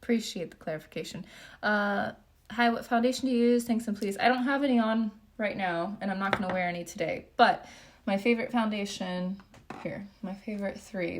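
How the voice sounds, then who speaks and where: A young Japanese beauty vlogger does her makeup at home while hosting a relaxed livestream Q&A. Speaking at a medium pitch in a loose, chatty way, she reads viewers' comments aloud and fills her answers with lots of "um" and "like." The background is noisy.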